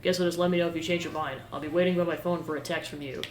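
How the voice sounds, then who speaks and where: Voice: mid-range voice, fairly even intonation, racing, crowd noise, natural voice. A game player voicing a self-pitying, eager teenage boy with a chatty, complaining manner. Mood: eager, sheepish. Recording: roomy echo with game music behind.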